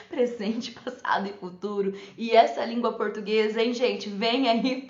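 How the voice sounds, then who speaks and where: Chatty woman teacher in an echoey room. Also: mid-range voice. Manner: chatty, often adds "né?" and laughs. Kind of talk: live talk on teaching for parents and teachers. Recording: echoey room, slightly dull lo-fi sound.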